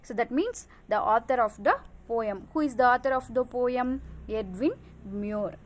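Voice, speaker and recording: A woman's voice: fairly high pitch, a little slow, a little hiss or hum. A woman teacher giving a recorded class, repeating each point with many "okay" and "uh" fillers. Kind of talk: online class lecture.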